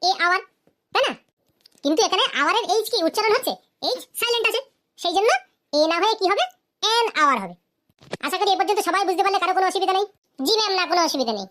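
A woman teaches grammar in a cartoon lesson, her voice very high and her pace quick. She asks the class question after question and answers them herself, then says each English example slowly. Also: expressive, sharp tone.

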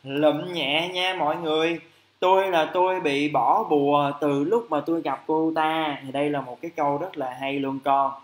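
A man teaching an English vocabulary lesson on a livestream, lively and chatty, stretching out English phrases slowly. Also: on the high side, echoey room.

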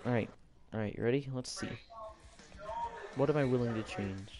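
Excitable young man narrating his gameplay. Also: mid-range voice, normal speed, background noise. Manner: excitable, swings from mutters to yelling at teammates. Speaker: gamer. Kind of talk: live gameplay commentary.

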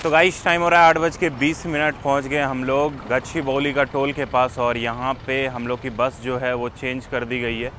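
A man narrating a casual travel vlog, chatting informally about his trip as it goes along, on a bus and by the roadside of a highway. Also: level tone, moderate pace, few pauses, fairly bright tone. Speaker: travel vlogger. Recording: traffic noise around the voice.

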